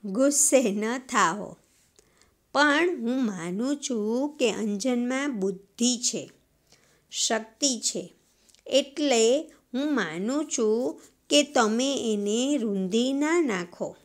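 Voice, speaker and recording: A woman reading the lines of a calm middle-aged man who gently persuades an angry father, in a school lesson. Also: fairly high pitch, takes it slowly. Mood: persuasive.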